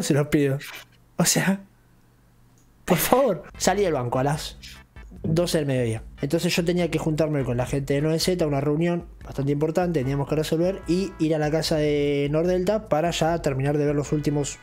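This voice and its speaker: A man's voice: fairly high pitch, fast talker, faint music behind. A young man with an Argentine accent, casually telling a long, rambling story and acting out what people said. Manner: rambling, animated retelling with acted quotes. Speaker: channel host.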